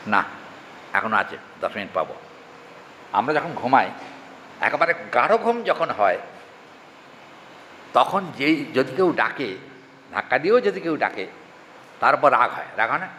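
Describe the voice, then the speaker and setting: A man giving a devotional scripture talk, chanting Sanskrit verses slowly and often asking his listeners questions. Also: medium pitch, sing-song, sharp tone. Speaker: religious reader and preacher. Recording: hall reverb, faint ambient noise.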